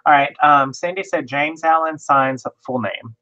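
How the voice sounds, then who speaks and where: Auctioneer calling bids on a live stream, brisk and quick, mid pitch, slightly dull audio. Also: pushed and bright.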